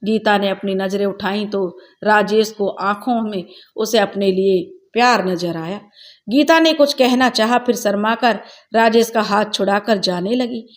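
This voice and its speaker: A woman storyteller reading a family story aloud in a plain, steady way with small slips. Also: mid-range voice.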